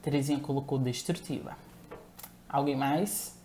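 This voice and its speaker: A woman's voice: extremely low pitch, fairly even intonation, normal speed, warm tone, a little hiss or hum. A woman giving a chatty live-streamed talk on relationships, asking viewers to answer and often correcting herself mid-sentence.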